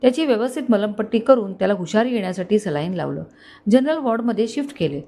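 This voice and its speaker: A woman's voice: medium pitch, expressive, fast talker, warm tone. A woman reading a dramatic story. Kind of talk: scripted storybook narration.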